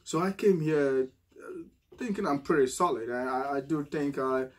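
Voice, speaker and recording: This middle-aged Ghanaian man has a voice on the high side and talks at a moderate pace, delivering a casual advice monologue to camera in a Ghanaian accent. Conversational and prone to restarts, he repeats words and keeps adding the tag "right?"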